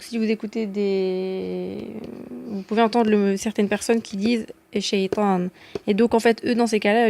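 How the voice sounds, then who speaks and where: A woman's voice: medium pitch, darkish tone. A woman giving a casual video lesson as a language teacher, chatty and self-deprecating, with frequent hesitations and an encouraging tone. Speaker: Arabic teacher.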